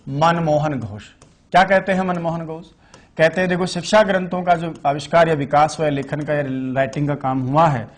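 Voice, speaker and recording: Higher-voiced man teaching an online class. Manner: asks the class questions and answers them himself; repeats key terms, stresses them. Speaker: Sanskrit teacher. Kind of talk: online exam-prep lecture.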